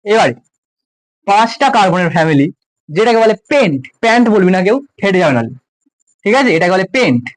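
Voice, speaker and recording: A man's voice: high voice, expressive, a little fast, pauses often, no echo, low-quality recording. A male science teacher with a West Bengal Bengali accent, giving a casual, jokey classroom lecture to school students. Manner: informal, jokey, addresses students as close juniors.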